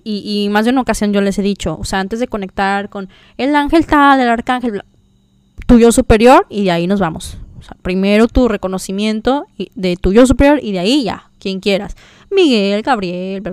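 A woman's voice: on the high side, clear, resonant tone, dry recording. A young woman, hosting a podcast and telling a personal story in a chatty, confiding way with many fillers. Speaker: podcast host. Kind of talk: casual storytelling chat.

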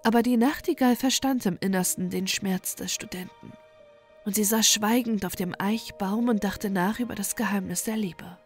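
A woman storyteller reading a bedtime fairy tale in a soft, calm, measured way. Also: fairly high pitch.

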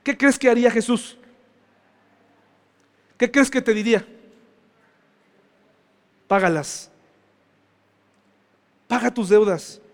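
A man's voice: very high-pitched, slow pace, pauses often. A male pastor giving a conversational sermon, often putting questions to his congregation. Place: church. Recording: long church reverb.

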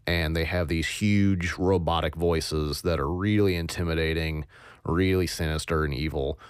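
Give me a low, monotone man explaining sound design. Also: normal speed, clean tone, dry recording, clean studio sound. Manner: hesitant, many fillers, thinks aloud. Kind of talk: casual tutorial explanation.

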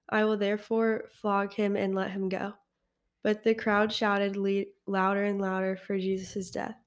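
Soft flat-voiced girl reading aloud. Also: mid-range voice.

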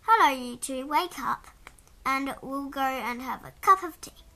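A woman voicing a kindly mother in a storybook, gentle in manner. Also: very high-pitched, very animated, moderate pace, voice pushed up, full character voice.

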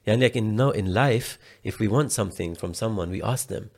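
A man's voice: lowish voice, fairly quick, vocal fry, a little mellow. A man from the UK, a podcast guest telling a personal story in a slangy, casual way, often restarting and repeating words.

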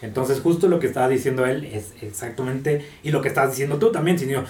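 A man with a Mexican Spanish accent, a podcast guest explaining dog behavior in a casual, patient way, often slipping into a high voice to imitate owners. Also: quick pace, darkish tone. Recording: echoey room, mic at a distance.

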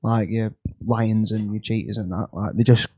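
A man's voice: on the low side, fairly even intonation, normal speed, mellow, breathy edge, no room sound, studio quality. A man with a Northern English accent chatting casually and teasingly as a podcast co-host among friends. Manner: matey, teasing.

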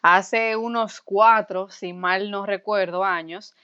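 A young woman with a Dominican accent, a podcast guest explaining things in an articulate, measured way. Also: mid-range voice, steady tone, bright, forceful tone, smooth. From Dominican Republic. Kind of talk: casual interview talk. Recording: slightly dull lo-fi audio.

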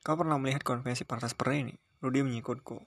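A man reads a first-person thriller aloud with a tense, terse delivery. His voice is gravelly with plenty of fry, and he moves through the text at a brisk clip. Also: medium pitch, fairly even intonation, dry recording. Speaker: audiobook narrator. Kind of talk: first-person storybook narration.

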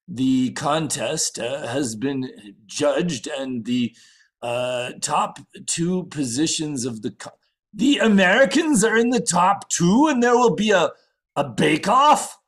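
A man's voice: a little high, lively intonation, slow pace, exaggerated voice. A man playing a pompous, stammering French baker in an improvised comedy sketch. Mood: blustering. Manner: blustering, stammering, self-important. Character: pompous male French baker, put-on accent.

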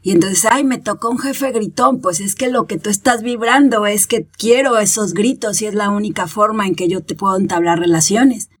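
A woman's voice: medium pitch, normal speed, hardly any pauses, husky. A woman, a parenting expert explaining her ideas in a podcast conversation and acting out examples in quoted voices.

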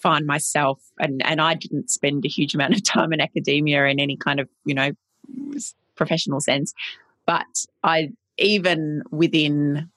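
A woman's voice: deep voice, a bit bright, dry recording. A woman hosting a podcast interview, asking thoughtful, meandering questions in a conversational way. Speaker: podcast host.

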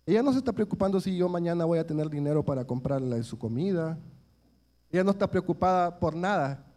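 A man's voice: fairly high pitch, lively intonation, quick pace, dark tone. A man, preaching a sermon and telling stories from his childhood in an earnest way, often calling his listeners brothers.

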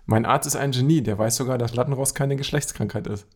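A man co-hosting a podcast, chatting casually and telling jokes of his own in a relaxed way. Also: mid-range voice, quick pace. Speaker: podcast co-host. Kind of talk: casual joke-telling chat.

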